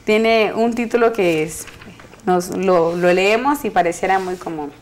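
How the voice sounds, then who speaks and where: A woman's voice: lowish voice, measured pace, slight background noise. Woman, host, Bible study talk show, welcoming, asks questions, studio voice.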